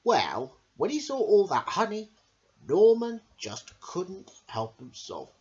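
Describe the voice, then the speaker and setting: A woman's voice: mid-range voice, very animated, slow pace, dark tone, dull audio. A woman hosting a children's storytime, reading expressively and addressing young listeners directly. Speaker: storyteller and host.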